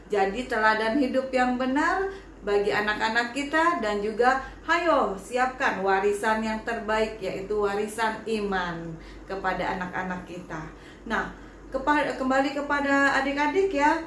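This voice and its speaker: A woman, a Sunday school teacher, telling a Bible lesson story to children in an animated way. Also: fairly high pitch, a little slow, reverberant, slight background noise. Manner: animated, speaks to children directly. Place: church broadcast.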